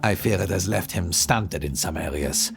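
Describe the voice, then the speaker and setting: This actor's voice is low and gravelly, moving at a moderate pace over music. He plays the audio drama's lead, a world-weary, theatrical immortal given to florid, sardonic phrasing. The ASMR roleplay performance comes across as wry and weary.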